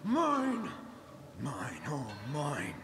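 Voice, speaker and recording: A man voicing a possessive ghost in a video game, with unearthly, drawn-out wailing cries. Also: on the high side, wildly swooping pitch, noisy background, exaggerated voice. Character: possessive male ghost haunting a forge, wailing its claim.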